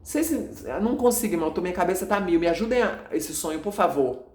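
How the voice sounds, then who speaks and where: A man with a Brazilian accent who runs an evangelical channel, recounting a dream to his followers in an agitated, halting, repetitive way. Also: high voice, expressive, darkish tone, roomy sound. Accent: Brazilian Portuguese.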